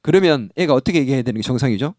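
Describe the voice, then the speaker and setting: A man's voice: medium pitch, racing, no echo, clean studio sound. A man preaching a sermon as pastor, asking the congregation questions and acting out parts of the story. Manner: animated, acts out scolding dialogue, asks the congregation questions.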